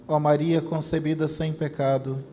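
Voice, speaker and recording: A man with a Brazilian Portuguese accent reciting the rosary in a steady chant. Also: a little high, moderate pace, a crowd in the background. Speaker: rosary prayer leader. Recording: long reverb with faint noise.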